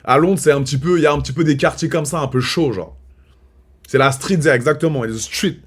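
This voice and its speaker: A man's voice: fairly high pitch, quick pace, slightly rough. Joking young man. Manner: switches between French and broken English, joking and crude. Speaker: streamer host. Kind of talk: casual live stream chat.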